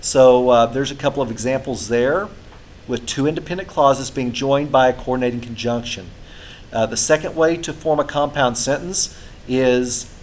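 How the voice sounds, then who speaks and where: A man's voice: medium pitch, slight background noise. Man lecturing a class on grammar. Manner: conversational, with frequent filler sounds. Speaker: instructor.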